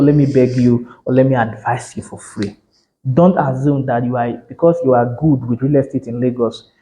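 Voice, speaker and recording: A man's voice: medium pitch, mellow, rough recording. A man giving a lecture on real estate law to realtors, conversational and emphatic, often correcting himself mid-sentence.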